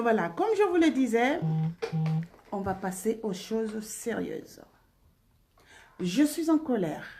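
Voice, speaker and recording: A woman's voice: fairly high pitch, a little mellow. A woman singer hosting a casual live stream, greeting viewers by name and blowing them kisses between remarks.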